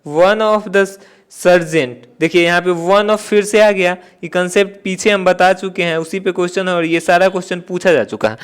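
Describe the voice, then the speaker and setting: An exam-prep English teacher with a high, smooth, clear voice gives a grammar lesson at normal speed. He works through each question step by step, posing and answering his own questions. He circles back to stress key points, repeating them with "theek hai".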